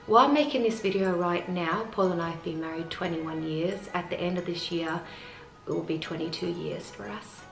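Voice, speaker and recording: Fairly low-pitched and creaky, at a moderate pace, a woman in her 40s from Australia answers viewer questions plainly after reading them aloud in her family vlog. Children are around the house, and the recording has an echoey sound with faint background music.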